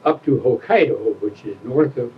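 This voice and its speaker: Male, around eighty, old veteran recalling his past in an interview, searching for words, slight background rumble. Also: expressive, normal speed, dull audio. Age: older, around 80. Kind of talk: oral history interview, reminiscing.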